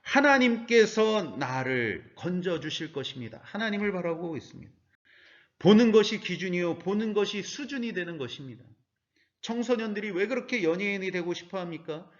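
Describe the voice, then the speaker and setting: Earnest male preacher with a higher voice; muffled, low-fidelity church sermon recording. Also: lively intonation, fairly quick, fairly bright tone. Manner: earnest preaching with rhetorical questions. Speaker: pastor.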